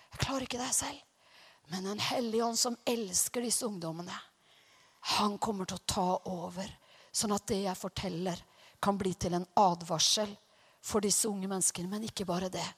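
A woman preaching a sermon, telling stories with animated, emphatic rises. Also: lowish voice. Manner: animated storytelling with rising emphatic peaks. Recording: reverberant hall.

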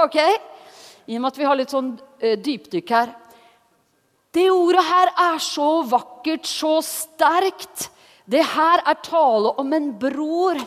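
A woman giving a lively, conversational Bible teaching, often putting questions to her listeners. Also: high-pitched, in a large hall.

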